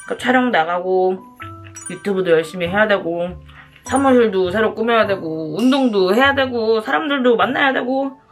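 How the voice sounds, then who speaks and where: A woman's voice: medium pitch, moderate pace, soft background music. A woman chatting casually to viewers as a mukbang host, talking between bites while she eats.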